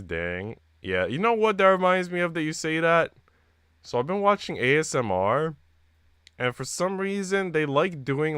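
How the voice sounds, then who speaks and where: In clean, studio-quality audio without echo, a man with a mid-range, fairly bright voice streams a visual novel while congested with a cold. He reads narration aloud, then slips into casual, slangy, rambling asides.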